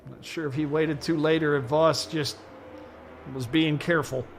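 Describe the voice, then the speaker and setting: A man calling a sim racing event as play-by-play commentator, excitable and quick to exclaim. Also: a little high, a little hiss or hum.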